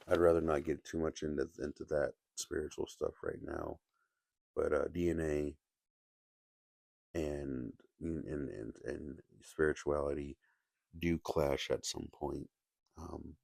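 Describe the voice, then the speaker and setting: A man with a very deep voice talks in a halting, restarting way, his words full of gravelly fry. He keeps his voice low and quiet. The sound is dry and close, with no room echo. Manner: halting, many restarts and fillers, kept quiet. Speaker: video essayist. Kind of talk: casual solo commentary.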